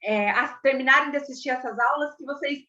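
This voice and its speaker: A young adult Brazilian woman teaching a casual theater lesson, chatty and expressive, often checking in with her listeners. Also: high-pitched, brisk. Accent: Brazilian Portuguese. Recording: slightly dull lo-fi audio.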